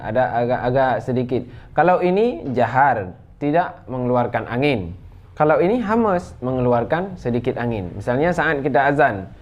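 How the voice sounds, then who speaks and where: A man with an Indonesian accent teaching Quran letter pronunciation, speaking slowly and patiently and breaking into raised, drawn-out recitation for examples. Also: mid-range voice, very animated, dull audio. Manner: slow, patient, drawls sounds and recites in a raised chanting voice. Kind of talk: tajwid lesson on letter articulation.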